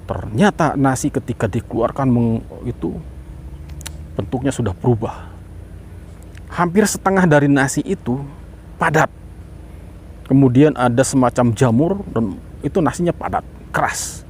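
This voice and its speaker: A man talks casually to his viewers about a home experiment, his mid-range voice lifting when he gets excited. He slips into short acted-out quotes along the way. Faint background noise sits under the recording. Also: moderate pace, pauses often. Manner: lively, rises in pitch when excited. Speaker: parent sharing an experiment.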